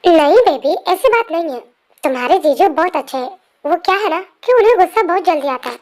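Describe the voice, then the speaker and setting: A woman voicing a patient, gentle pregnant wife in a fan story narration, speaking soothingly. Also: extremely high pitch, animated, a little fast. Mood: gently chiding. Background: faint music.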